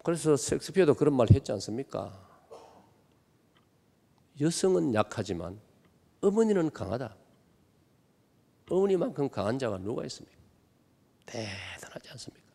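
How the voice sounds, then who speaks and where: 경상도 억양의 남성 목사, 긴 교회 잔향. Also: male voice, mid-range voice, sing-song, normal speed, vocal fry, long pauses, warm tone. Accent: Gyeongsang Korean. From Gimhae, South Korea. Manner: emphatic, rhetorical questions to the congregation. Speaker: guest pastor. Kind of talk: revival sermon. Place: church sanctuary. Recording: long church hall reverb.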